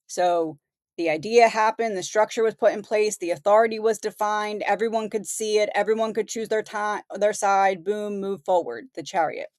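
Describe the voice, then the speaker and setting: With a steady, slightly mellow medium pitch and a moderate pace, a woman losing her voice reads headlines on her own channel and comments on them conversationally. The studio-quality audio has no echo.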